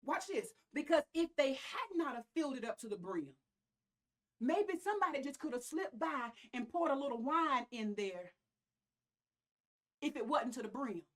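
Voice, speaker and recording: Female preacher, Southern US accent, high voice, emphatic and folksy sermon delivery with repeated phrases. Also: lively intonation, moderate pace, a bit bright. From American South. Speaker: pastor preaching. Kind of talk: church sermon.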